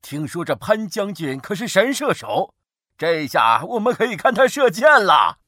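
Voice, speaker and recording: A man voicing an excited young soldier in a children's story, chattering eagerly. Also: high-pitched, normal speed, no room sound, clean studio sound, pitched above the performer's own voice, exaggerated voice.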